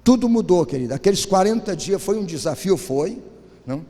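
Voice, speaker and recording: High-voiced pastor preaching in a reverberant church. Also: male voice, fairly quick. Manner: animated storyteller, often turning to the congregation with "querido" and "não?". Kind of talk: sermon with storytelling. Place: church sanctuary. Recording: church hall with long reverb.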